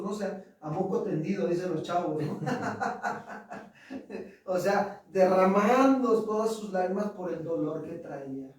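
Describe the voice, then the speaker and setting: High-voiced Mexican pastor in an echoey hall. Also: male voice, a little mellow. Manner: conversational preaching, rhetorical questions to the congregation. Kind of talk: sermon. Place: church hall. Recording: very echoey hall, far from mic.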